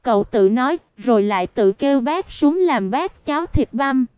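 A woman narrates a storybook in an even storytelling way. Her voice is high and very smooth. The recording is close and dry. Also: moderate pace, dry recording. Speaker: audiobook narrator.

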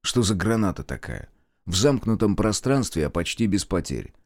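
A man narrating a war audiobook in expressive scripted storytelling. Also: low-pitched, moderate pace, dry recording, studio quality.

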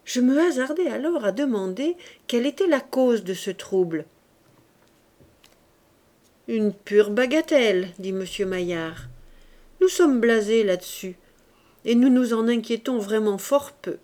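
A woman reading a classic tale aloud as an audiobook narrator, slow and measured, giving the characters' dialogue its own delivery. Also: on the high side, animated, warm tone. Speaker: audiobook reader. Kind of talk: scripted narration.

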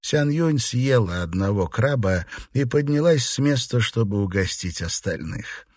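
A male audiobook narrator telling a classic tale in a measured, even way, his voice set in the middle register. The recording is dry and close, with no room sound. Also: mid-range voice, no room sound.

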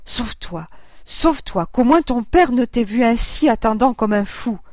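A woman voicing a genteel mother in a classic novel read aloud, speaking with light, gentle animation. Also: medium pitch, normal speed, dry recording, clean studio sound, natural voice. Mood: urgent. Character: indulgent mother of a boy, genteel lady.

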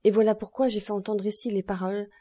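A woman's voice: medium pitch, level tone, quick pace, dark tone, natural voice. A woman voicing a defiant young male criminal speaking bitterly before a court.

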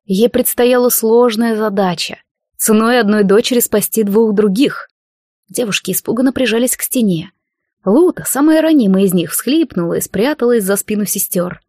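A woman reading a fantasy audiobook in a measured, even storytelling manner. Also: a little high, no echo, clean studio sound. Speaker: audiobook narrator. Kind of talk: scripted narration.

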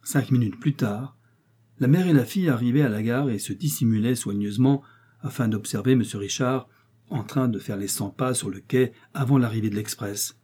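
A man reading a story aloud in a measured, even manner. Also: medium pitch, breathy edge. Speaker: audiobook narrator. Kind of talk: storybook narration.

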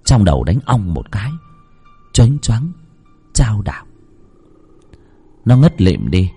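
Husky low guy telling a spooky story, very up and down delivery, soft music behind. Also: slow pace. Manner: expressive, suspenseful. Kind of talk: dramatic ghost story narration. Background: soft background music.

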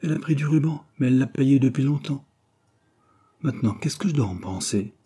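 A man's voice: mid-range voice, animated, brisk, warm tone, slightly rough, pitched above the performer's own voice. A man voicing an angry, gossiping working-class landlady who scolds indignantly, in an audiobook reading. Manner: indignant, scolding, breathless storytelling.

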